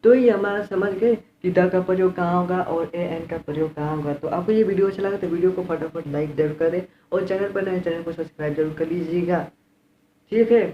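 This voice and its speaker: A man's voice: sits high, a little fast. Hindi-speaking Indian man teaching grammar, echoey. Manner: repeats key words and quizzes with rhetorical questions. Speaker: English teacher. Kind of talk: classroom-style grammar lesson. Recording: roomy, dull lo-fi with faint room noise.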